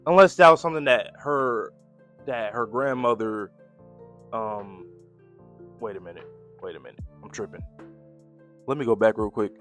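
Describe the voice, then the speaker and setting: A relaxed American man talks through a manga chapter in loose, slangy reaction commentary. He thinks aloud and circles back to correct himself, with faint music underneath. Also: fairly low pitch, normal speed, long pauses. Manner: slangy, laid-back, thinks out loud with restarts.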